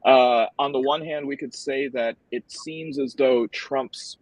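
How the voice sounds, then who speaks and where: A man moderating a political panel as host, with wordy, halting phrasing. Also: mid-range voice, steady tone, no room sound, low-quality recording.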